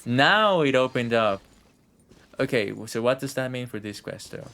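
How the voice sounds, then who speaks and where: A game streamer gives casual live commentary, rambling to himself and swearing now and then, with faint game music in the background. His medium-pitched voice is fairly bright, with lively intonation and a moderate pace.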